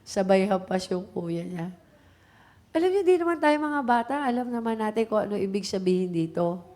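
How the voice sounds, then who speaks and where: A woman's voice: medium pitch, normal speed. A middle-aged Filipino woman pastor preaching a sermon, switching between Tagalog and English and acting out the voices in her stories. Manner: animated storytelling, mixes Tagalog and English, acts out voices in quotes.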